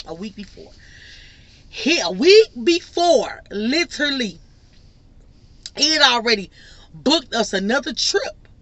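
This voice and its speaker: A woman's voice: a little high, sharp tone, dry recording. A young woman telling a casual, rambling story to her viewers, addressing them often. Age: young adult. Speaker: vlogger.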